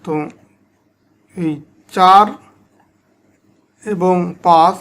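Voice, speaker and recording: A man's voice: high voice, fairly even intonation, extremely slow, a bit bright. A man teaching a math lesson step by step, speaking directly to his students in Bangladeshi Bengali.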